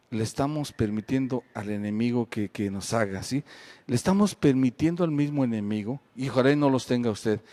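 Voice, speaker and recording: A male pastor delivers a sermon at a church service streamed live, his medium-pitched voice growing more forceful as he reads scripture aloud. He then drops to a quieter tone to ask the congregation questions.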